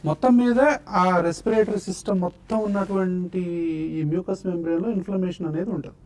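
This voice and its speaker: A man appears as a doctor on a TV health show, answering health questions in a high-pitched, darkish voice that stays steady and brisk. He patiently explains causes and treatments one after another.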